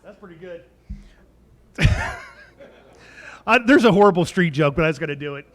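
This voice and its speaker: A man's voice: a little high, lively intonation, normal speed, fairly bright tone. A man hosting a stand-up comedy show on a club stage, bantering loosely with the crowd and rambling between jokes. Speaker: host comedian.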